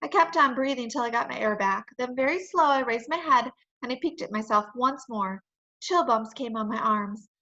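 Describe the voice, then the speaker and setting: A woman reading a children's chapter book aloud in a playful, expressive storytelling manner. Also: on the high side, moderate pace, highs cut off.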